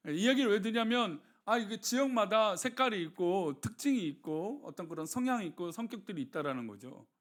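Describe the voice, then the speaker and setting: A middle-aged man from Seoul, a senior pastor preaching a sermon and talking with his congregation. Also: a little fast. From Seoul, South Korea. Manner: animated preaching, asks the congregation questions, drops low for blessings.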